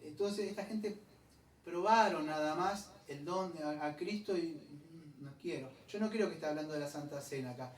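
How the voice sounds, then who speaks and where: A man, his voice pitched a little high, preaches a loose, chatty sermon that wanders into side stories and slows down to spell out Greek words. He sounds distant from the mic in an echoey church hall, with faint background noise. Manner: chatty, digressive, explains Greek words slowly. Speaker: pastor. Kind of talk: conversational sermon.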